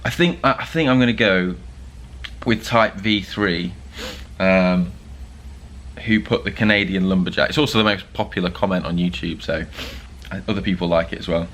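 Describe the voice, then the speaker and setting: A young man talks casually to camera as a vlog host, chatty and joking, with plenty of ums and uhs. His voice sits a little low. A faint hum of ambience stays under him. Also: normal speed, fairly bright tone. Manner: chatty and joking, with frequent fillers.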